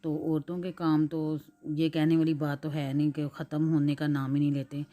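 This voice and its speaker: A woman in her forties from Pakistan with a Punjabi accent, chatting casually in a home cooking vlog, hoarse with a sore throat and flu and clearing her throat often. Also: deep voice, little pitch movement, normal speed, dark tone. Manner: rambling, mixes in Punjabi, frequent throat clearing. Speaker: cooking vlogger.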